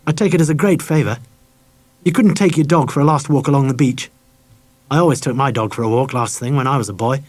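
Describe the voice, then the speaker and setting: A man's voice: medium pitch, quick pace, natural voice. A man playing a kind posh young airman. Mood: gentle. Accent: upper-class English. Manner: gentle and kindly.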